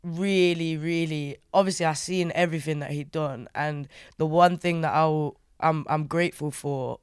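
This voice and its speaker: A young woman chats casually as an interviewed artist, in an English urban roadman accent full of street slang. Her voice is clean and smooth, pitched on the low side for a woman, and recorded dry and close. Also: fairly even intonation, normal speed, no echo. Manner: slangy roadman-style speech. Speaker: music artist being interviewed.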